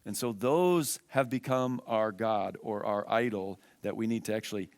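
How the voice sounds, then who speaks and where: A man's voice: lowish voice, moderate pace, no echo. A man preaching a church sermon, earnest and emphatic, repeating key phrases and asking his listeners rhetorical questions. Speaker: pastor. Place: church with a screen.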